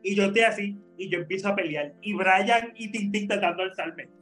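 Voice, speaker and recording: A man with a high voice tells a story among friends on a podcast. He talks in a loose, casual way, laughs a lot and slips English words into his talk. Faint music plays underneath. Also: a little fast. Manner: lively, laughs often, mixes in English words. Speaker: podcast co-host.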